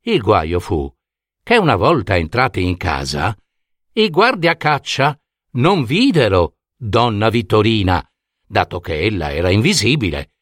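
Slow, expressive Italian male storyteller. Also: on the low side, no room sound, clean studio sound. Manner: expressive, unhurried. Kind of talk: scripted fairy-tale narration.

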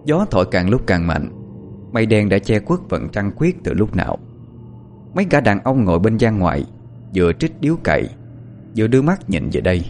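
A man giving a dramatic, expressive narration of a horror story as an audiobook narrator. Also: on the low side, a little fast, slight background noise.

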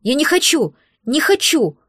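A woman's voice: sits high, big pitch swings, unhurried, a bit bright, dry recording, studio quality, pitched above the performer's own voice, full character voice. Woman reading as a tearful hissing baby dragon. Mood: defiant. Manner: sobbing, hissing, stubborn. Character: tearful angry little male dragon. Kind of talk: audiobook character voice.

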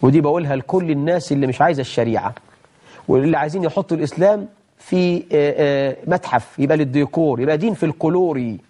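Warm-voiced Egyptian sheikh, emphatic and scolding. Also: male voice, on the high side, rapid-fire. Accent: Egyptian Arabic. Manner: emphatic, scolding rhetorical questions. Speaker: sheikh taking callers. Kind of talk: religious lesson with call-ins.

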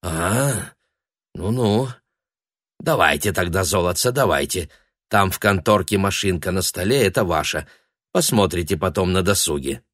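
A chatty, fussy shop owner talks in a hurried, chirpy way, voiced by a male narrator. His voice lifts above the reader's low register. The sound is dry and close. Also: lively intonation, fairly bright tone, dry recording. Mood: concerned.

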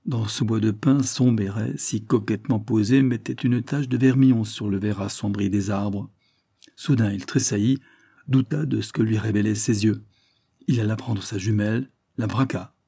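A man narrating a 1920s adventure novel in a steady, measured audiobook reading. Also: on the low side, creaky, slightly rough, dry recording, clean studio sound. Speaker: audiobook reader.

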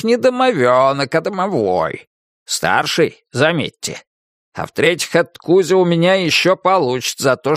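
A man's voice: fairly high pitch, a bit bright, no echo, clean studio sound, full character voice. A man doing a grumpy old house spirit. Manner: grumpy, reproachful, old-fashioned. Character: fussy old male house spirit, bearded. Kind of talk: audiobook character voice.

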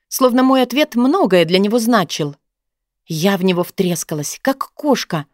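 A woman narrating a first-person story as an audiobook, with a sharp, sarcastic edge. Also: mid-range voice, no room sound, studio quality.

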